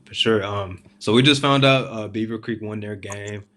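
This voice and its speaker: Casting: male sports show host, lowish pitch, loose conversational interview style with slangy wording. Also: moderate pace, bright, forceful tone. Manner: informal slangy phrasing.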